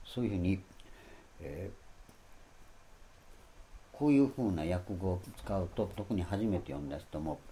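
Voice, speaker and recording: Emphatic low-voiced man teaching the Bible. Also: animated, takes it slowly, pauses often, slight background noise. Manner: emphatic, loudly acts out quoted phrases; rambling, repeats himself. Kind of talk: Bible lecture sermon.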